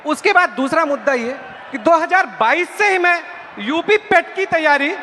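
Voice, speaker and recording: A young male aspirant speaks earnestly and respectfully to a public gathering. His very high voice is raised and emphatic. It echoes through a hall with clear background noise. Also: animated, moderate pace, bright, forceful tone, some chatter behind. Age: young adult. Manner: emphatic, raised voice, deferential address. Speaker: student job aspirant. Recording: noisy hall with long echo.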